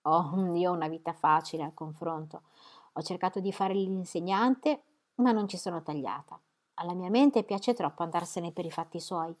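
Mary, a sharp-witted young woman, as a woman reads her. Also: natural voice. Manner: brisk and pointed, higher and louder than the narration. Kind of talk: audiobook reading.

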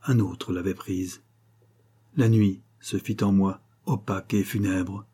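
A man narrating a literary story aloud, in an expressive, dramatic reading style. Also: deep voice, takes it slowly, husky. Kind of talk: scripted audiobook narration.

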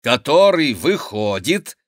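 A man's voice: medium pitch, sing-song, slow pace, no echo, studio quality, voice pushed up. A man voicing an impatient, demanding thin male jester who questions sharply in an audiobook.

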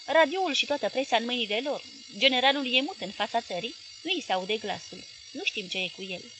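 A woman voicing a lively, clever young male journalist who reports events in a brisk, animated way. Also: a little high.

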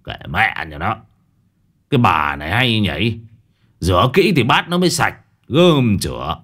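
A man voicing a gruff, swearing middle-aged village husband in a ghost story. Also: on the low side, sing-song, measured pace, a bit bright, exaggerated voice. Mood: grumbling.

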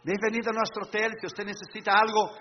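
A middle-aged man preaching a sermon as pastor, emphatic, with sudden loud bursts and hushed asides. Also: high voice, little pitch movement, fast, background noise. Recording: dull lo-fi recording with long hall reverb.

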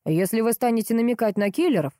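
A woman reading a gruff police colonel. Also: on the high side, animated, fast talker, warm tone, no echo, voice pushed up, lightly acted. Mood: dry. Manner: dry, gruff and snappish. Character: grumpy, irritable middle-aged male police colonel.

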